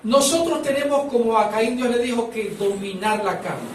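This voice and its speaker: A man's voice: very high voice, lively intonation, normal speed, reverberant, recorded from a distance, a little hiss or hum, poor audio. A man preaching a sermon as pastor, prompting the congregation to repeat phrases back to him.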